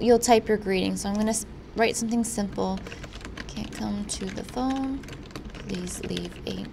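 A woman presenting a software tutorial in an informal, instructional way. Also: on the high side, slight background noise. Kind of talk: software walkthrough narration.

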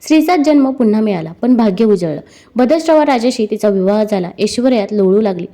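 Female storyteller, measured recitation, slightly high voice, mellow tone. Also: lively intonation. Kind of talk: devotional story reading.

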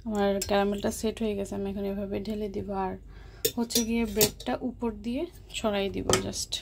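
A woman's voice: mid-range voice, level tone, normal speed, creaky, noisy background. A young woman, vlogging from her home kitchen and chatting through each cooking step. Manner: chatty, explains each step as she cooks. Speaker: vlogger and mother. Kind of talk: casual home vlog narration.

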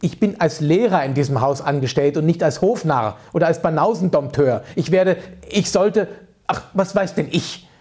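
A man's voice: a little high, animated, a little fast, few pauses, a little mellow. A man playing a capricious, eccentric music director. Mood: annoyed. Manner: theatrical, capricious, sometimes scolding, sometimes playful. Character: eccentric, temperamental male music director, middle-aged.

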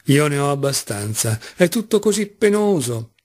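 A man's voice: fairly high pitch, big pitch swings, normal speed, darkish tone. A man voicing a fawning older hanger-on who titters as he speaks. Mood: simpering. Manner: tittering, ingratiating.

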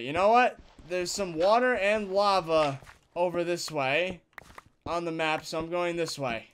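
A man giving casual let's-play commentary as a gaming channel host, thinking out loud with sudden loud exclamations between quiet mutters, a bit tired. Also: on the high side, smooth. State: yawning, tired.

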